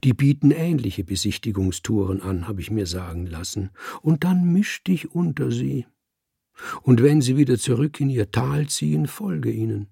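A gravelly, husky old tomcat read by a man muses slowly about seeing and being. The voice sits a little low and soft, close and dry, with no room around it. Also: expressive, no echo. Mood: advising. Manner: musing, philosophical, drawn-out. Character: old wise tomcat in the afterlife. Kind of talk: audiobook reading.

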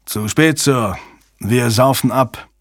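A man voicing a large, excitable male systems chief who talks bluntly and crudely and shouts when panicked. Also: medium pitch, slow, no room sound, studio quality. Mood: grim.

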